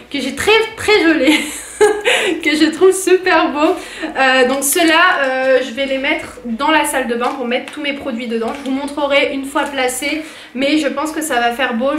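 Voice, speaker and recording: A woman's voice: high voice, fairly bright tone, reverberant, a little hiss or hum. A young woman from France chatting casually in a haul vlog, with many fillers and restarts. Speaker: vlogger.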